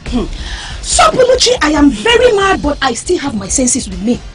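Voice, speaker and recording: An actress playing a bold, sharp-tongued young village woman who taunts loudly and scornfully. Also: high-pitched, huge pitch swings, normal speed, soft background music, full character voice. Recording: noisy background.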